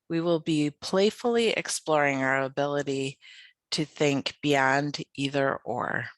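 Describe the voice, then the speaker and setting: Leading yoga nidra, a meditation guide speaks at medium pitch, slowly and soothingly, with gently inviting phrasing and pauses. No echo is present.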